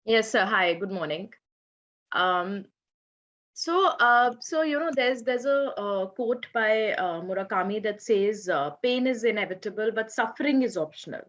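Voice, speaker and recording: A woman's voice: medium pitch, animated, measured pace, a bit bright, highs cut off. A woman from the audience asking a question hesitantly, with many fillers.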